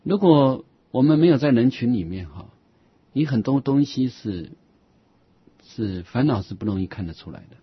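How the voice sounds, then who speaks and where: Male Buddhist teacher, raspy voice, animated intonation, lecturing patiently. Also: medium pitch, no room sound. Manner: repeats key phrases slowly, frequent soft 'hao' asides. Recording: dull lo-fi recording.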